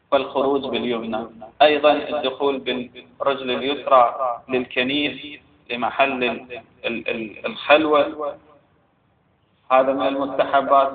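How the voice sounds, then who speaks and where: A man with an Iraqi accent giving a seminary lecture, reading passages aloud and explaining them with frequent hesitations. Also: medium pitch. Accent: Iraqi Arabic. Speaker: religious studies teacher. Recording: phone-like echoey recording with crowd.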